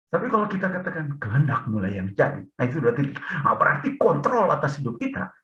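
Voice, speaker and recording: A man preaching a testimony sermon, animated, swinging from loud pleading to near-whisper. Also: medium pitch. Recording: echoey dull-sounding church recording.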